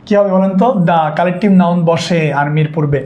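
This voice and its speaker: The recording is roomy and dull as a man with a high voice and a Bangladeshi Bengali accent quickly teaches an online English grammar class for exam prep. He repeats his points and keeps checking that his students understand.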